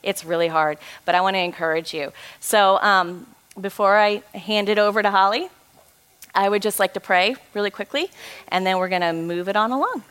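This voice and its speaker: A woman's voice: medium pitch, moderate pace, fairly bright tone, clear, resonant tone. A woman in her forties speaks to a church gathering in an earnest, exhorting manner, folksy and direct. She urges her listeners on and closes with a heartfelt prayer. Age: 40s. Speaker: ministry co-founder speaking to a church group. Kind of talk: encouraging church talk ending in prayer.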